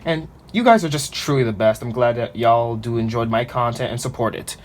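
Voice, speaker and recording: A man's voice: medium pitch, fairly quick. A man casually unboxing and reviewing toys on his channel. He talks in a chatty, enthusiastic way, with loose fillers. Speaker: toy unboxing YouTuber.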